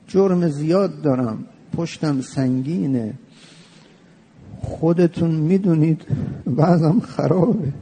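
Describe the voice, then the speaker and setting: Guy preaching, very dark husky voice, slow chanted prayer lines then plain explaining. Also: fairly high pitch. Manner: slowly intones Arabic phrases, then explains each in plain conversational speech. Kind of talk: sermon reading a pilgrimage prayer with commentary.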